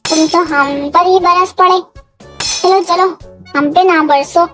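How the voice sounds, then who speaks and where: A man's voice: extremely high pitch, steady tone, takes it slowly, voice pushed up. A man voicing a fussy male cartoon peacemaker who keeps begging two quarrelling men to let it go. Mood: defensive. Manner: pleading, soothing, repeats "arey arey". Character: shrill fussy male peacemaker trying to calm a fight. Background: background music.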